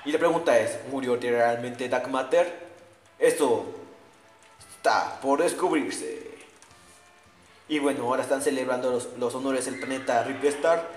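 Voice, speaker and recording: This parody narrator, a young man, mocks a video game in crude slang, speaking at normal speed in a mid-range voice with fairly even intonation. Faint music plays in an echoey room with long reverb.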